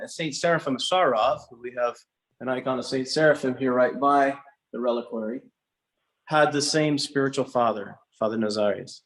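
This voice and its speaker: A man speaks as a tour guide inside a cathedral, in a middle-pitched voice. His delivery is reverent and explanatory, unscripted and halting, with frequent pauses partway through his sentences. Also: a bit bright, low-quality recording. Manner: halting, pausing mid-sentence. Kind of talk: informal guided tour narration.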